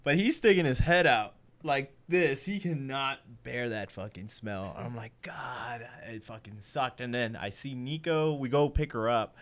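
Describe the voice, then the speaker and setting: A man in his twenties tells a story in a casual chat. His voice is smooth and clear, sitting at an ordinary male pitch. He delivers it in an animated way, swears freely and laughs along with his own tale. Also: moderate pace, hardly any pauses. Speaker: podcast co-host.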